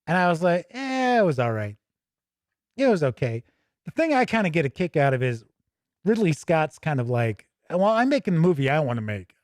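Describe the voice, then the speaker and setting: Leafing through a book, a man hosting a tabletop gaming show rambles casually and chattily off the cuff. His voice is on the high side, and the studio recording is clean with no echo.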